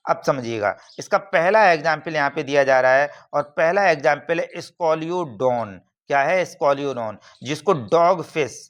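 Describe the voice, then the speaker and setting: A man's voice: a little high, a bit bright. A man teaching biology for exam prep over slides, repeating each term and quizzing listeners as he goes. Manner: repeats terms and asks the class questions; frequent "theek hai na" checks.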